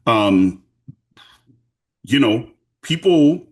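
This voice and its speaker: A man's voice: mid-range voice, big pitch swings, drawn-out words. A man hosting a podcast conversation, speaking in a candid, earnest way. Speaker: podcast host. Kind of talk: conversational interview.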